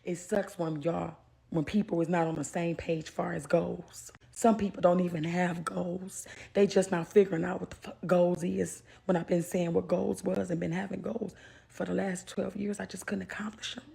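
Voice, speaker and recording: Woman, hoarse and harsh, loud strained delivery, gravelly fry, lower-pitched, emphatic profane monologue. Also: flat delivery, normal speed. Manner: emphatic, determined, repetitive. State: hoarse from yelling. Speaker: online video creator. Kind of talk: casual personal monologue with profanity.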